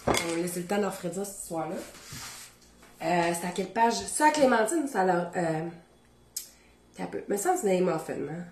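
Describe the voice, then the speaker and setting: A woman's voice: fairly low pitch, moderate pace, pauses often, echoey room, a little hiss or hum. A woman with a Beauce Quebec French accent, hosting a casual cooking demonstration in her home kitchen and chatting to viewers as she tastes. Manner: chatty, animated, talks to viewers while tasting. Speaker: cooking show host.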